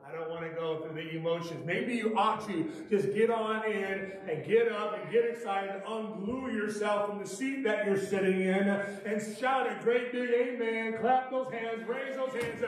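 A middle-aged man preaching a revival sermon from a church pulpit, building to shouts and mixing in playful asides. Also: high-pitched, a little slow, few pauses. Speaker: pastor. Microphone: far camera at the back of the sanctuary. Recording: echoey church from far off.

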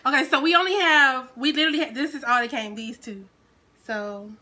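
A woman's voice: sits high, brisk, bright, forceful tone. A woman hosting a casual challenge video at home, chatty and giggly, with squealing exclamations. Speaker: vlogger, channel host. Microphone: phone.

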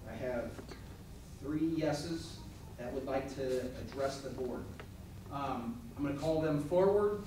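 A man's voice: medium pitch, slow. An American man acting as board president, running a formal meeting in a procedural, matter-of-fact way. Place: village board meeting room, indoors. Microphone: far camera from audience. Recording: distant mic, very echoey noisy meeting room.

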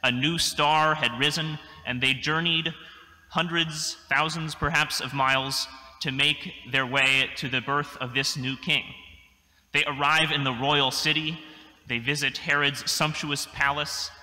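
A young adult man, a priest, gives a measured, thoughtful sermon from a church pulpit, with dry little asides. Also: fairly high pitch, fairly even intonation, pushed and bright. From United States. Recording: long church reverb.

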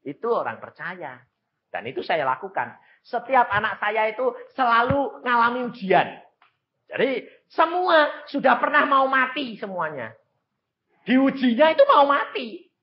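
An elderly evangelist preacher of around eighty from Central Java, Indonesia, delivers a sermon in an emphatic, folksy style with a Javanese accent, speaking directly to his congregation. His voice is very high-pitched and sing-song, unhurried, and the sound is lo-fi.

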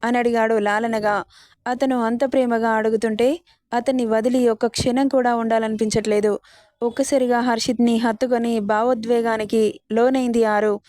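A woman narrating a romance serial, reading all the dialogue herself in an even storytelling manner. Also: a little high, moderate pace, no echo, studio quality.

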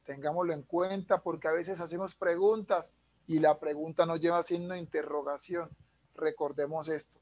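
A man's voice: on the high side, fairly even intonation, moderate pace, a little mellow. A man, an English teacher explaining punctuation patiently over a video call. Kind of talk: online class explanation.

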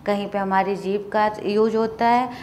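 A woman's voice: medium pitch, steady tone, moderate pace, darkish tone, a little hiss or hum. A woman teaching English grammar in a classroom-style lesson, asking rhetorical questions and answering them herself.

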